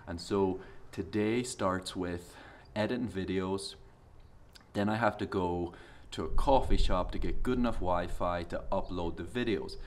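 An Irish man in his thirties, hoarse and nasal from a head cold, his voice half gone. He talks in a loose, rambling vlog style full of fillers, with a lowish pitch over faint background ambience. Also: unhurried, slight background noise. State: hoarse, losing voice, congested. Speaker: runner vlogger. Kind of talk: casual vlog.

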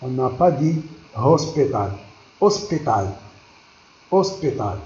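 A man teaching a vocabulary lesson, repeating each word slowly and explaining it, moving between languages. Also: medium pitch, sing-song, a little mellow, reverberant, dull audio, slight background noise.

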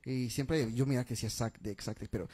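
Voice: mid-range voice, steady tone, fast, background noise. Stammering comedy radio co-host. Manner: stammering restarts before the punchline. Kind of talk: joke telling, casual chat. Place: radio studio.

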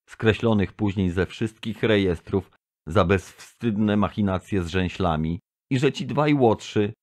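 A booming, stentorian tentacled alien delegate, put on by a man reading an audiobook, orating with grand pomposity. He thunders out accusations in a deep, low register. It sounds like a lofty speech before an assembly. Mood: accusing. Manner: pompous oratory, denouncing.

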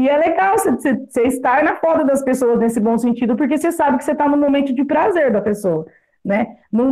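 A woman's voice: high-pitched, warm tone. Chatty upbeat Brazilian woman on a call. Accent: Brazilian Portuguese. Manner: chatty, upbeat, laughs often, frank. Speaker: guest speaker, sales consultant. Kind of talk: casual online training talk.

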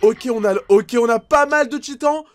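Very high-voiced excitable man. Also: moderate pace. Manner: excitable, frequent exclamations and startled gasps. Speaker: YouTuber reacting to videos. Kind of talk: excited reaction commentary.

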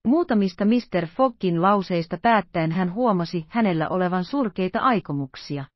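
A woman narrating a classic novel as an audiobook in a steady, measured reading. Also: on the low side, no echo, lo-fi sound.

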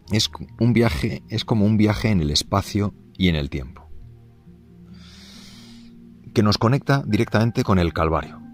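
A priest with a lowish voice gives an unscripted catechesis in a gentle, halting manner, with lots of fillers and restarts.

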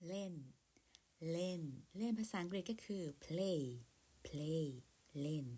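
A woman teaching simple English words in a slow, patient lesson. She repeats each word and spells it out letter by letter, in a polite, soft-spoken manner. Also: on the low side.

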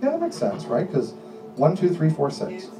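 A middle-aged man hosting a comedy hypnosis show, giving commanding, repetitive suggestions in deliberate phrases. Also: a little high, huge pitch swings, recorded from a distance. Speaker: stage hypnotist and host. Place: small indoor comedy club stage. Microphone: handheld microphone through PA, distant camera. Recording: echoey club PA recorded from audience, music.

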